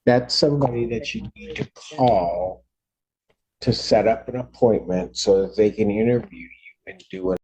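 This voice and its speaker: A man speaks as a stern, scolding judge, his tone dark and heavy. The sound comes from a played-back courtroom recording, dull and muffled. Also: fairly low pitch, moderate pace, slightly rough. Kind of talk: presiding over a court hearing.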